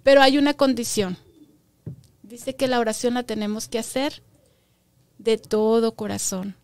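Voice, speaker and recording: Slow-speaking woman teaching children. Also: fairly high pitch, steady tone, a little mellow, no room sound. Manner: patient, asks the children questions; emphatic, repeats key words. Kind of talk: Bible lesson for children.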